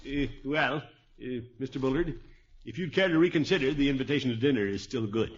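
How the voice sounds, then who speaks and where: An actor playing a blustery, warm-hearted middle-aged uncle in theatrical 1950s radio comedy style. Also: male voice, medium pitch, fairly quick, close to an everyday voice. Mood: awkward, coaxing. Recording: muffled vintage 1950s radio broadcast.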